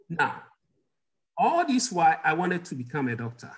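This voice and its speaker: Speaking slowly with a slightly high voice that swoops wildly in pitch, a middle-aged doctor from Ghana shares personal stories as a guest on a video-call interview from his home office. He laughs frequently and asks his audience questions.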